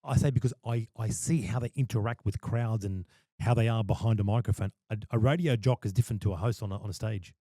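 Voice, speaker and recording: A man who works as a wedding MC, appearing as a guest on a podcast, talks in a casual chat with passion and emphasis, often repeating words as he starts a thought. His voice is fairly low, fast and mellow, with no echo.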